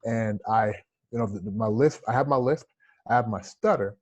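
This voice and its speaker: A man in his forties with a slight lisp, his voice fairly low, slightly rough, with the highs cut off, speaks at a moderate pace. He's an interview guest on a video call from home, telling his story earnestly and reflectively while gesturing with his hands.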